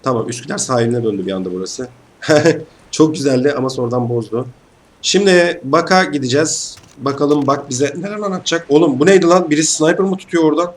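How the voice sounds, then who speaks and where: A young man with a hoarse voice from being sick, chatting casually and excitedly as he plays a game and comments on it. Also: on the high side, quick pace. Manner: chatty, excitable, slangy, bursts into shouts. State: hoarse from illness. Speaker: gaming channel host. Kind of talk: casual let's-play commentary.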